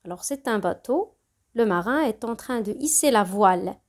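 A woman's voice: on the high side, expressive, moderate pace. A woman teacher reading a simple text aloud and carefully explaining its pronunciation to learners, spelling out letters and repeating words. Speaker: French teacher.

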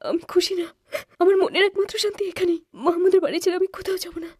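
A woman's voice: a little high, fairly quick, mellow, dry recording, studio quality, natural voice. A woman voicing a loyal freed servant woman in a dubbed drama, tearful and pleading. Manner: pleading, heartfelt.

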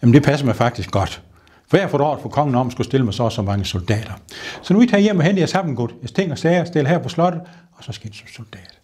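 A man's voice: medium pitch, animated, darkish tone, husky. A man voicing a cruel, haughty countess in his own voice, commanding and scornful. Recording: long reverb in a stone castle room.

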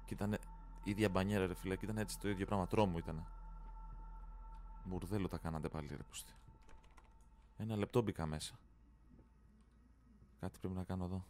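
A man's voice: low voice, steady tone, pauses often, darkish tone, a little hiss or hum. A man hosting a horror game let's play, commenting casually, swearing often and yelping when startled. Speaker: gaming channel host.

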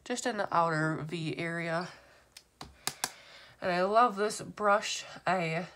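A woman's voice: fairly low pitch, takes it slowly, fairly bright tone, slight background noise. A woman in her thirties with a stuffy nose from a cold, chatting casually through a makeup tutorial. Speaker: beauty vlogger. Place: small room at home.

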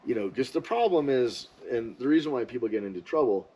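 A man's voice: mid-range voice, lively intonation, brisk, dark tone, breathy edge, highs cut off. A man giving a casual, rambling, opinionated monologue as a ski vlogger.

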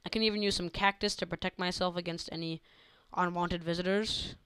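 A man's voice: sits high, steady tone, fairly quick, a bit bright, smooth, no echo. A teenage boy giving casual, goofy gameplay commentary and chatting to his viewers as he plays. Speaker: gaming channel host.

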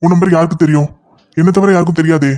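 A man voicing an impatient young lover in a cartoon, talking fast and insistently. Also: a little high, steady tone, dark tone, lightly acted. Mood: scolding. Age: young adult. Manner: rapid, insistent scolding. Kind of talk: cartoon voice acting.

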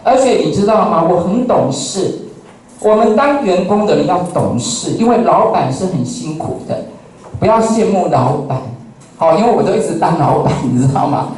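A man with a Taiwanese Mandarin accent giving an animated motivational talk in a company lecture room, often turning to ask his audience questions. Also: sits high, moderate pace. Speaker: motivational speaker. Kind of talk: lively storytelling lecture. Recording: echoey hall, voice from far off.

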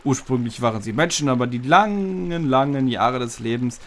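A man's voice: mid-range voice, lively intonation, moderate pace, natural voice. A man voicing a wise ancient male tree spirit from a video game, reading the lines in a stately, solemn manner with game music behind him.

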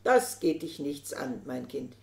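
Woman reading as effusive scheming old chambermaid, insistent, slow, roomy echo. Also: rumbling low, very animated, vocal fry, voice pushed down, heavily acted. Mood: scolding. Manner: gushing, insistent.

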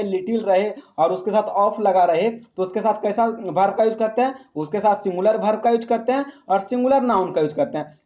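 A man's voice: high-pitched, a little mellow, highs cut off. A man teaching an exam-prep English grammar lesson. He asks the class questions, answers them himself, and keeps calling his listeners friends. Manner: calls listeners "friends" often; reads English example sentences slowly.

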